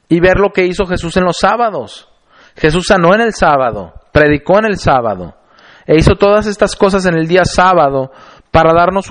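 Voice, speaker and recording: A male preacher with a voice that sits a little high for a man, delivering a sermon. He reads scripture aloud and then explains it. He speaks deliberately and slows down to stress key phrases.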